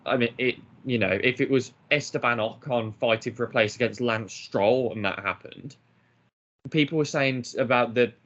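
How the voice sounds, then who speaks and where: A man's voice: medium pitch, normal speed, fairly bright tone. A man co-hosting a casual podcast, blunt and opinionated, joking with his co-hosts. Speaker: podcast co-host. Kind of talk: casual chat. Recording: dull lo-fi podcast audio.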